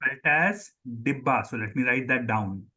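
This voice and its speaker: Teaching Hindi to a live online group, this probably middle-aged man explains, repeats words and questions pupils by name. His native language is Sindhi and he speaks with an Indian accent in a mid-range voice that is bright and forceful, at a moderate pace.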